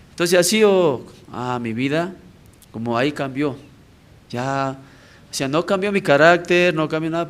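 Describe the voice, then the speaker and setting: A male evangelist giving a personal testimony at a church prayer service, talking conversationally and often checking in with the congregation with short tag questions. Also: fairly high pitch.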